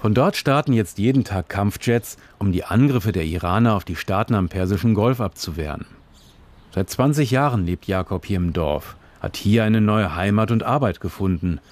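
A male reporter narrates a scripted radio report with a fairly low voice. His delivery is measured and descriptive, laying out scenes and background in an even flow.

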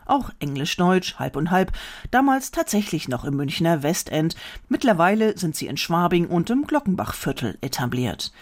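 A narrator reading a scripted news voice-over in a smooth, informative way. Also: mid-range voice, sing-song, normal speed.

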